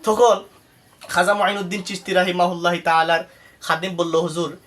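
A male Islamic preacher from Bangladesh tells a sermon story with emphatic, rising delivery. His voice sits a little high. He breaks off now and then into soft, murmured Arabic praises. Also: steady tone, normal speed.

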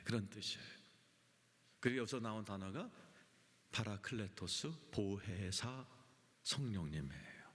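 A male senior pastor preaching a sermon with lively delivery, acting out quoted voices and dropping to soft whispers for emphasis. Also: on the low side, unhurried, long pauses. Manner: animated preaching, acts out quotes, drops to whispers. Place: large church sanctuary. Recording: church hall reverb.

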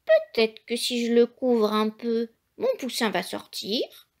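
Woman doing a high-voiced mother hen, anxious and loving, tearful pleading, slow storybook delivery. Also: sing-song, a little mellow, heavily acted. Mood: coaxing.

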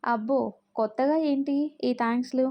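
A woman's voice: high voice, fairly even intonation, normal speed, muffled recording, natural voice. A woman voicing a playful young husband who teases his wife and sister-in-law. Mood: teasing. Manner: playful teasing. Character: teasing, generous young husband.

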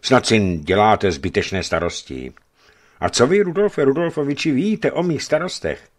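Lovesick young geologist, earnest and sighing, a touch higher than the narrator, as read by a male narrator; audiobook. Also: expressive, close to an everyday voice. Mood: troubled.

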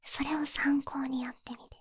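A woman's voice: high-pitched, flat delivery, normal speed, no echo, clean studio sound, close to an everyday voice. A woman in a whispered role-play, voicing a clumsy girlfriend who boasts in a hesitant, bashful, earnest way. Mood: flustered, boastful.

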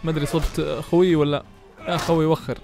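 A man giving excitable let's-play commentary, cursing enemies and cheering allies. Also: a little high, fast talker, creaky. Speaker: gaming YouTuber. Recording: music playing behind.

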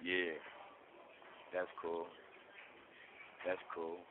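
A man's voice: low-pitched, completely flat delivery, drawn-out words. Laid-back man on a tinny prison phone. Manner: laid-back, slangy, laughs easily. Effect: on a prison phone line. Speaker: inmate calling from prison. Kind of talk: casual phone chat. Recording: tinny phone line with faint hiss.

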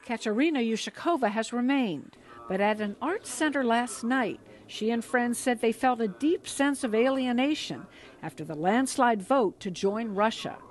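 A woman correspondent reading a scripted news report in a measured, even way. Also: a little high. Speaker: foreign affairs correspondent.

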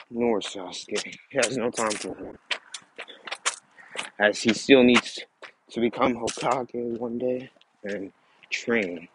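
A young man casually narrating a fan story, rambling and restarting phrases as he goes. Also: mid-range voice. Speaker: channel host and storyteller. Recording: noisy background.

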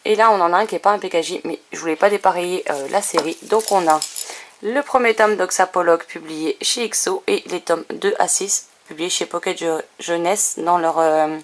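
A woman's voice: on the low side, moderate pace. A woman vlogger chatting casually through a bookshelf tour, listing titles and often correcting herself, a little short on sleep. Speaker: book vlogger.

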